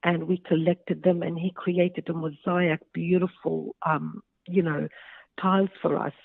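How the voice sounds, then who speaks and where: A woman's voice: on the low side, little pitch movement, measured pace, vocal fry, no echo. A woman from Lebanon, an author guest speaking earnestly from her home over the phone, with hesitant fillers. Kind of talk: phone interview. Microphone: phone line. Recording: tinny dry phone line.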